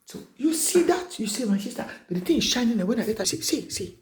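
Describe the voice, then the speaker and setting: Emphatic preacher, echoey. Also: male voice, fast, slight background noise. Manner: emphatic, repetitive exhortation with sudden high outbursts. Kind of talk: exhortation sermon.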